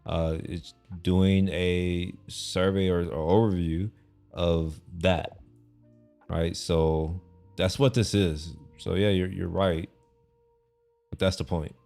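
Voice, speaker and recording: A man's voice: deep voice, fairly even intonation, slow, creaky, darkish tone, faint music behind. A young man from Texas chatting on a livestream in a loose, rambling way, restarting sentences and swearing casually. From Texas, USA. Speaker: streamer. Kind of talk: casual chat.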